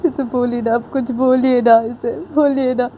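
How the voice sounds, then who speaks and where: A woman voicing a distraught mother who pleads with her daughter in high, wailing tones. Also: fairly even intonation, unhurried, mellow, slight background noise, natural voice. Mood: pleading.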